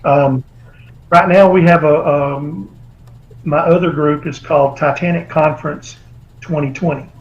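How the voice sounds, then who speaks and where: Brief: male author guest, rambling storyteller, slightly high voice, dull lo-fi video-call sound. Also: steady tone, unhurried. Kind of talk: remote interview.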